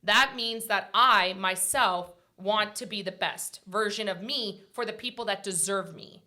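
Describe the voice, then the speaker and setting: A woman's voice: medium pitch, measured pace, bright, forceful tone. A woman in her forties hosting a casual motivational talk show. She speaks emphatically, repeats her points and often ends with "right?". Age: 40s. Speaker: podcast host.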